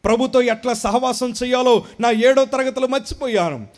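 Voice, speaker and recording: A man giving an emotional spoken testimony at a worship gathering, speaking into a handheld mic and swinging between hushed and loud. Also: extremely high pitch, normal speed. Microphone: handheld microphone.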